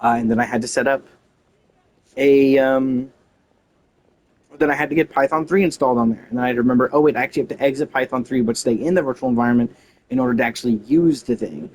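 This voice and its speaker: He speaks fast in a mid-range, somewhat mellow voice, with a little hiss or hum in the audio. The talk is casual game-livestream rambling, broken up by his own interruptions and mildly exasperated slang.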